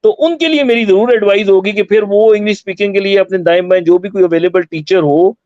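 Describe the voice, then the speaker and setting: Man, high-pitched voice, dry dull lo-fi sound, explanatory teacher. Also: a little fast, no echo. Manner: explanatory, mixes Hindi-Urdu with English phrases. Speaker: IELTS teacher. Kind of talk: online interview answers.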